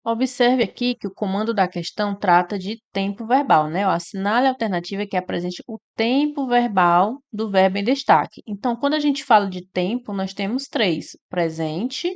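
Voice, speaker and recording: A woman's voice: medium pitch, normal speed, hardly any pauses, dull audio. A woman, teaching an exam-prep lesson and walking through each answer step by step with frequent tag questions.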